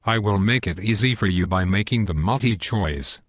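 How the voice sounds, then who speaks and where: A man's voice: fairly low pitch, normal speed, no echo, clean studio sound, lightly acted. A synthetic male voice playing a smug, belligerent parody news anchor in a scripted cartoon newscast, stiff and pompous.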